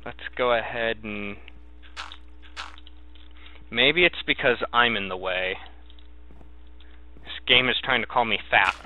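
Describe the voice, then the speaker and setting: A man giving casual, halting game commentary, thinking aloud as he plays. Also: mid-range voice, a little hiss or hum. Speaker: gamer narrating a let's play. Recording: thin, narrow phone-like sound.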